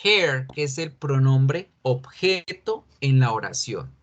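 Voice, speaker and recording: A man's voice: mid-range voice, expressive, takes it slowly, dull audio. A male English teacher explaining grammar in to his class over a video call, chatty and joking, calling on students by name.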